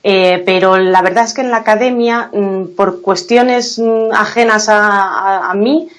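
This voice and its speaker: A woman from Spain with a Spanish accent, speaking as an interview guest in a thoughtful, hesitant way. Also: mid-range voice. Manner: thoughtful, hesitant, many pauses and fillers. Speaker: guest, English academy founder. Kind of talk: casual interview chat.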